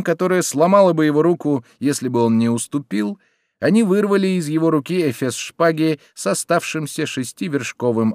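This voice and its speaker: Give me a male audiobook narrator reading literary prose. His voice is slightly high and expressive, with a lively melody, measured in pace. The sound is dry and close. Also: dry recording. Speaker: audiobook reader.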